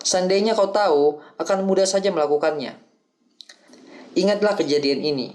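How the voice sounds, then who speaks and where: A man reading the lines of an older male acting teacher who explains things calmly and patiently in an audiobook. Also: sits high, normal speed, pitched above the performer's own voice, lightly acted. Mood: instructive. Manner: calm, explanatory lecturing.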